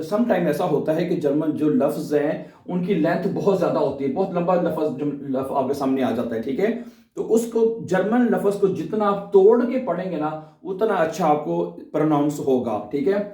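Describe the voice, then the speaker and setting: A man teaching beginners German in a spoken lesson, spelling out German phrases slowly and checking in with "theek hai" after every line. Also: fairly high pitch, warm tone. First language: Urdu. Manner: repeats German phrases slowly, says "ठीक है" often. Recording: echoey room, voice from far off.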